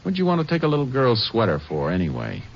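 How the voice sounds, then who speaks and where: Fast-talking and gravelly, this man's medium-pitched voice swings hugely in pitch and sounds exaggerated as he plays a seasoned Texas Ranger, fatherly but firm, in the plain-spoken way of a 1950s radio western. Stern, folksy, firm and questioning, he comes through a muffled, noisy 1950s radio recording.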